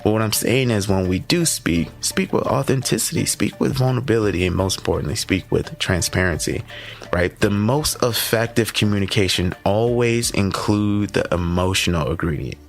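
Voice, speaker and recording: Energetic low-voiced male podcast host. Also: normal speed, vocal fry. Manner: energetic, conversational, keeps checking in with "right?". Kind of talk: motivational podcast talk.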